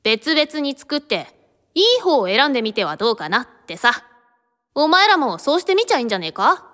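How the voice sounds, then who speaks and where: A woman voicing a tough, boyish big-sister mentor in a radio drama, with a gruff, swaggering manner. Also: high voice, big pitch swings, bright, forceful tone, in a large hall, exaggerated voice. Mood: advising. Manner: gruff, swaggering, drawn-out pronouncements.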